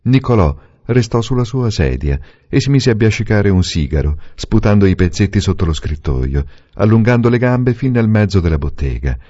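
A man narrating a novel aloud in a measured, expressive reading. The recording sounds dull and lo-fi. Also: on the low side. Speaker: reader. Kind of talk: audiobook narration.

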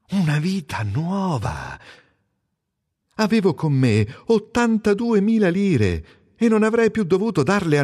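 A man reading a novel aloud in the first person, dramatic and expressive, slowing down to linger on key words. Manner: expressive, sweeping pitch swings. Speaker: narrator.

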